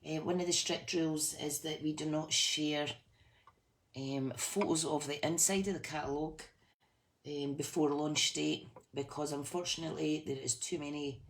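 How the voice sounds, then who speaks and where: A woman from the west of Scotland with a Fife accent, chatting casually and informally to viewers as a craft demonstrator and team leader. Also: low-pitched. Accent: Fife, Scottish. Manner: chatty, informal, addresses listeners as guys. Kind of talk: casual live chat to viewers. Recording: clearly noisy room recording.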